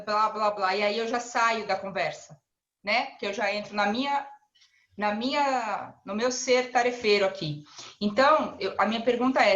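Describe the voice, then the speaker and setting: A woman's voice: mid-range voice, fairly bright tone, roomy sound, lo-fi sound. A woman seminar participant asking a question, searching and hesitant, reflecting on her own habits.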